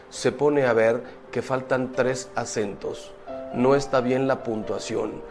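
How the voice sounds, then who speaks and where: A priest preaching, emphatic and full of rhetorical questions, moving from loud exclamations to quiet asides. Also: male voice, medium pitch. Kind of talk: preaching talk.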